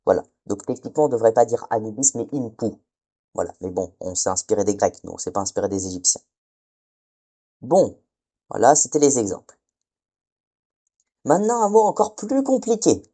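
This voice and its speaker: Hesitant man teaching a lesson, mellow voice. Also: mid-range voice, big pitch swings, moderate pace, long pauses, slightly rough. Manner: hesitant, stumbling, self-correcting. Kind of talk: casual spoken lesson.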